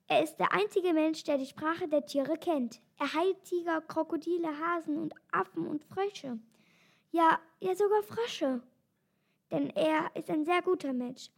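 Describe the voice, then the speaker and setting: A woman reading an upset lioness mother, excited, scolding, high voice, storybook. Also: gravelly, exaggerated voice.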